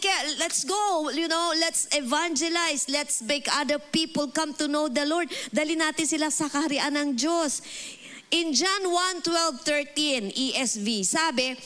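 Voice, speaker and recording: A woman pastor with a Filipino accent preaching a lively, humorous sermon. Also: high voice. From Philippines. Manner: mixes Tagalog and English, lively and humorous.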